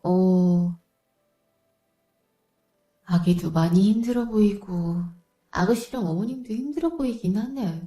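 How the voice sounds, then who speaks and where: Calm, patient daughter-in-law acted by a woman, mellow mid voice, dry studio read. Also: mid-range voice, slow pace, long pauses, breathy edge, dry recording. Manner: calm, polite. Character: patient young wife, kind daughter-in-law.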